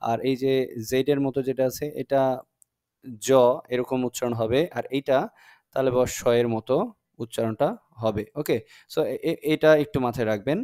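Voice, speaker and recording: A man's voice: mid-range voice, steady tone, dark tone, clear, resonant tone, dry recording, clean studio sound. Patient man teaching a lesson. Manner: patient, repeats sounds slowly for drilling. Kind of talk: classroom lesson explanation.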